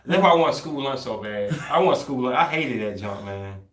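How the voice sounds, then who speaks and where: A man co-hosting a podcast in casual chat, laid-back and slangy, getting animated when he rants. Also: mid-range voice, normal speed, reverberant. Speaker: podcast co-host.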